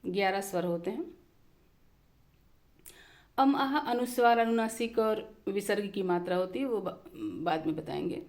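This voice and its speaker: Slow, patient woman teaching a lesson. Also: medium pitch, lively intonation, a little mellow. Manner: repeats definitions slowly, mixes in English terms.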